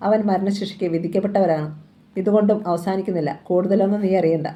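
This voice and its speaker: A woman's voice: medium pitch, fairly even intonation, fast talker, dark tone, close to an everyday voice. A woman voicing a cold, threatening male killer in a read-aloud crime novel, with a commanding, menacing delivery. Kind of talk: audiobook novel reading.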